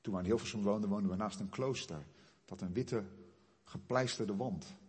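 A man preaching a sermon, his delivery swelling loud and high at the climaxes and then dropping low. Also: moderate pace, in a large hall. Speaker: pastor.

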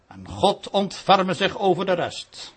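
A man's voice: high-pitched, big pitch swings, slow pace, fairly bright tone, slightly rough. A man preaching a sermon in a solemn, pleading manner.

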